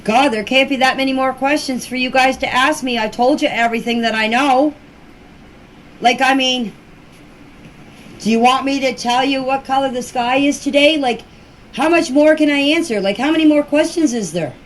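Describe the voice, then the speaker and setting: A grandmother with a high voice, talking at normal speed, speaks out as a relative in a missing children case. Her answers are informal, plain-spoken, insistent and repetitive. It's a low-quality amateur clip with slight background noise.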